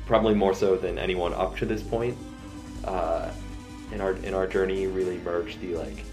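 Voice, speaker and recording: Male podcast co-host, very low voice, rambling talker, faint music underneath. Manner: rambling, many fillers and laughs. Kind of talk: casual music discussion.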